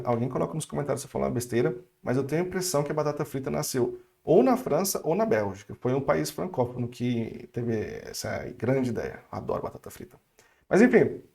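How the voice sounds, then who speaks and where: A young Brazilian man gives a relaxed online French lesson in a chatty, upbeat way, full of friendly asides and quick restarts. He speaks with a Brazilian Portuguese accent. His voice sits a little high for a man. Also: gravelly. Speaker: French teacher. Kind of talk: casual online language lesson.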